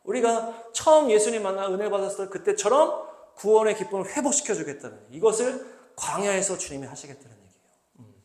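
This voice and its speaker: A male pastor preaching a sermon, posing rhetorical questions to the congregation and slowly reading scripture aloud. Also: sits high, lively intonation, a little mellow, reverberant. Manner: asks the congregation rhetorical questions and answers them; reads scripture slowly and deliberately. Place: church hall.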